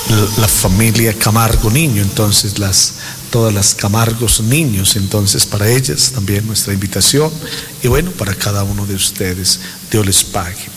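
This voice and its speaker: Male priest for Mass announcements and blessings, fairly deep, heard in echoing cathedral acoustics. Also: moderate pace. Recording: long cathedral-like echo, noisy ambience.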